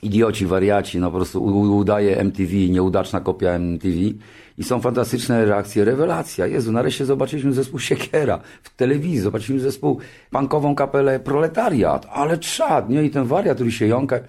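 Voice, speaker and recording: A man in his sixties, a television show creator, telling an anecdote in a lively way. He often restarts his sentences and jumps into higher voices when he quotes other people. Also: brisk. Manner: frequent restarts and filler words. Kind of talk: anecdotal storytelling.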